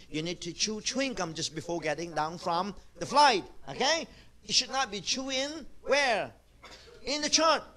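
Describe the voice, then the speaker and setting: High-voiced pastor quizzing children slowly. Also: male voice, a bit bright. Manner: asks questions and repeats them, coaxing answers. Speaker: pastor teaching a children's Bible class. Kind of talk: Bible lesson for children.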